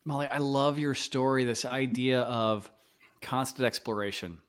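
A man's voice: mid-range voice, moderate pace. A man hosting an interview podcast, encouraging and reflective with his guests. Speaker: podcast host.

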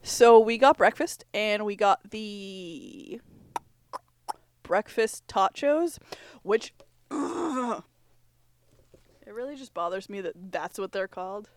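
A woman with a medium-pitched, very clear voice chats casually as a podcast co-host. She is conversational and emphatic about her opinions. The recording is dry, without room echo. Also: expressive, slow pace, long pauses. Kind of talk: casual chat, personal anecdotes.

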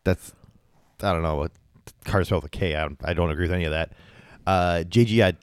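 A man's voice: low voice, fast talker, smooth, no room sound, studio quality. A man co-hosting a podcast in casual chat, rambling and hesitant with many fillers. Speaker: podcast co-host.

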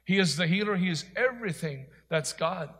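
A man's voice: high voice, expressive, brisk, fairly bright tone, slightly rough, long reverb tail. A man preaching a sermon as pastor, with an earnest, emphatic delivery.

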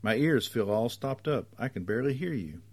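A man voicing an irritable, sick young mother who complains and turns shrill when she shouts. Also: animated, moderate pace, slightly rough. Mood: shouting.

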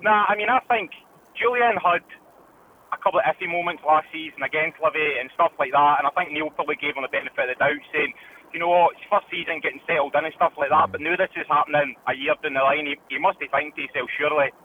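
A Scottish caller comes through a tinny phone line with a faint hiss behind him. He talks fast and his voice sits a bit high for a man. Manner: opinionated, says "do you know what I mean". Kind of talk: casual phone-in chat.

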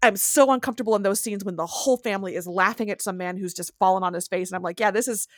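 A woman's voice: mid-range voice, rapid-fire, fairly bright tone, no echo. Novelist lady guest, mid voice, dry close sound, thoughtful chatty. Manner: thoughtful, self-aware asides. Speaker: podcast guest, romance novelist. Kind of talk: casual film discussion.

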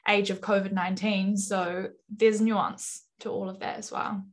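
A young woman, a podcast guest speaking in an articulate, measured way. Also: medium pitch, level tone. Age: young adult. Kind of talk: casual interview talk.

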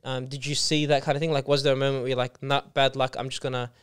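Podcast co-host guy, smooth clear voice, asks long questions, bit jokey. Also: mid-range voice, little pitch movement, fast talker, fairly bright tone. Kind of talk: casual chat.

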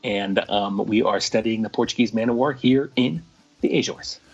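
A man calling in as a remote correspondent over a radio link, chatting easily and explaining things with halting restarts. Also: lowish voice, slightly rough, dull audio, faint music behind. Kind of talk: casual comedic radio chat.

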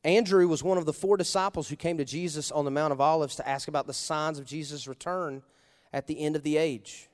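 Male pastor, slightly raised pitch, chatty sermon delivery with rhetorical questions and loud bursts, church hall with long echo. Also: fairly even intonation, brisk. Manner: conversational preaching with rhetorical questions and sudden loud emphasis.

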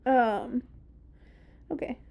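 A woman's voice: on the high side, very slow, vocal fry, warm tone. A woman co-hosting a podcast, chatting casually and reacting, on a slightly lo-fi microphone. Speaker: podcast co-host.

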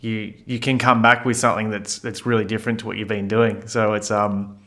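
A man's voice: lowish voice, level tone, fairly quick, pushed and bright. A man hosting a podcast, chatting in an easygoing, casual interview style. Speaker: podcast host.

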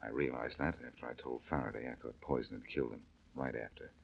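An actor playing a wry, confident male detective on an old radio show, with a gravelly, husky voice and dry, probing questions. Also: very deep voice, quick pace, exaggerated voice. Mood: brooding. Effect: old radio show broadcast. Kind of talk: 1940s radio acting. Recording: dull lo-fi old radio recording.

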